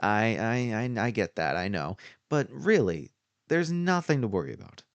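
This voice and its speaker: A man's voice: on the low side, big pitch swings, moderate pace, gravelly, no room sound, lo-fi sound. A man voicing an affable, nervous office worker who leaves a rambling, reassuring phone message from a game script. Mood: nervously reassuring.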